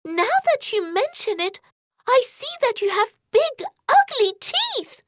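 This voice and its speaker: A bold little girl from a bedtime story. Her voice is very high and swoops up and down. She speaks pertly and says exactly what she thinks. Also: sing-song, slow pace, no echo, studio quality, exaggerated voice. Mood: pert, inquisitive.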